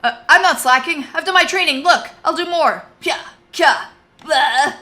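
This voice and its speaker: A woman voicing a brash, defensive young male fighter who talks loudly. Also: high voice, a little slow, pitched above the performer's own voice. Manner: loud, defensive.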